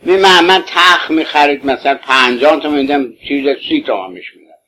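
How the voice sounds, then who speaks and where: An older man with a somewhat high voice tells an emotional religious story. He speaks fervently and pleadingly, slipping into everyday colloquial phrasing. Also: bright, forceful tone, slight background noise, poor audio. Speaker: bereaved husband recounting his late wife.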